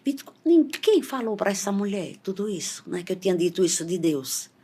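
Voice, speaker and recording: A middle-aged woman giving an emotional church testimony, repeating phrases and rising in pitch as she relives the scenes. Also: animated, brisk, dark tone, slightly rough. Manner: repetitive, fervent, voice rising when reliving scenes.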